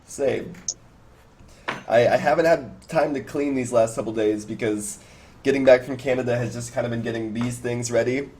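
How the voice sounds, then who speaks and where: A man's voice: medium pitch, steady tone, moderate pace, darkish tone. A man of twenty chatting casually with viewers on a live stream over a video call headset, rambling and laughing, with many restarts. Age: 20s. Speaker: cannabis streamer. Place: small home room, indoors.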